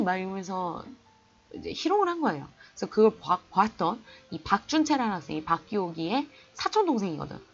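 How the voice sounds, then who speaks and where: Animated, chatty woman history teacher. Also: mid-range voice, slightly rough, dull audio. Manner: chatty, animated, colloquial storytelling. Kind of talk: online history lecture.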